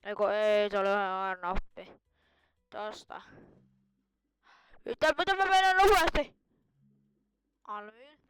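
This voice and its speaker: A woman's voice: mid-range voice, sing-song, long pauses, a bit bright, clean tone, no room sound, low-quality recording. A woman giving casual, rambling gameplay commentary, thinking aloud as she plays. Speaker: gamer.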